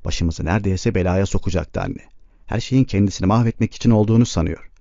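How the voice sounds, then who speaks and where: A blunt, resentful young man of a poor family, read by a male narrator in a low, dark voice. The recording is dry and dull. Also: fast, vocal fry, no echo. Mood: fed up. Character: frustrated young grown son, blunt.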